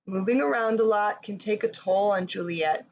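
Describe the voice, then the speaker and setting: With a mid-range, slightly mellow voice at a moderate pace, a woman from Canada does a children's read-along and yoga instruction in a room, giving simple, encouraging cues. The audio has its highs cut off, with roomy echo, a distant mic and background noise.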